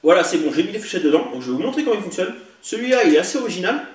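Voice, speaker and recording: Racing through his words in a very animated, high voice, the toy-collector vlogger casually demos the toy blasters he purchased, full of fillers and hesitation. The camera mic sits far off in an echoey indoor room, picking up faint hiss.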